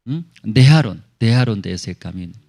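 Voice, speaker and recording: A pastor's gravelly, darkish, lowish voice fills a church in La Paz as he gives an animated sermon testimony at normal speed. His phrasing is simple and broken, and he keeps adding tag questions to check in with listeners.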